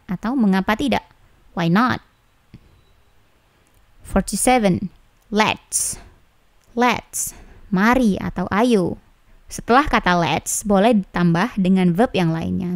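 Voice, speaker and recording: An Indonesian-accented woman leads a slow English phrase lesson, repeating each phrase deliberately before explaining it. Her voice sits at an ordinary pitch and comes through a close, dry mic with no room sound. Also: no room sound. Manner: repeats each phrase slowly, then translates. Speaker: English teacher.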